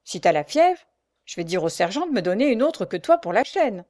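A woman's voice: mid-range voice, very animated, fairly quick, darkish tone, lightly acted. A woman voicing a coarse, pushy female thief speaking in rude street talk, reading a storybook. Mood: scornful.

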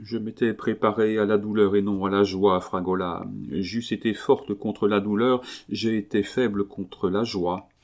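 A man's voice: steady tone, measured pace, natural voice. A man putting on a frail, pleading young woman. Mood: anxious pleading. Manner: high, pleading, breathless. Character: fragile, feverish young woman.

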